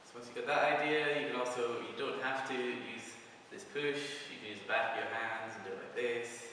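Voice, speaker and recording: A man's voice: medium pitch, fairly even intonation, moderate pace, bright, forceful tone, a little hiss or hum. A man casually teaching a prop-spinning move, talking loosely through each step as he demonstrates it. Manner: loose, talks through moves while demonstrating. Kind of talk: casual video tutorial. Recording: echoey hall, mic far off.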